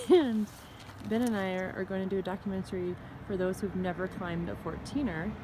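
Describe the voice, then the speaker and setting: A woman's voice: medium pitch, normal speed, background noise. Chatty breathless woman hiking a trail. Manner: chatty, joking, laughs often. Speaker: vlogger. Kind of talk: casual hiking vlog. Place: outdoor mountain trail.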